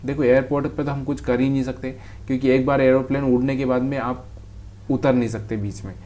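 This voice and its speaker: A man's voice: mid-range voice, flat delivery, a little fast, mellow. A man teaches trading over a chart in a casual, direct way, calling the viewer brother. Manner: talks straight to the viewer, calls them brother.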